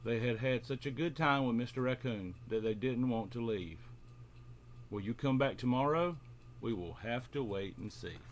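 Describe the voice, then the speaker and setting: A man of medium pitch and normal speed welcomes young listeners to his bedtime story program with a friendly introduction. He then reads a children's story aloud to them, with slight hiss or hum audible underneath.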